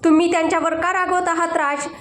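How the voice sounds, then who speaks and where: A woman voicing a gentle, anxious young wife in a storybook, pleading hesitantly. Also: extremely high pitch, steady tone, quick pace, roomy sound, pitched above the performer's own voice.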